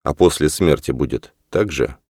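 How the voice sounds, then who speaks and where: A man doing a hoarse, weary sick boy. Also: rumbling low, moderate pace, a little mellow, dry recording, clean studio sound. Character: gravely ill teenage boy, weary.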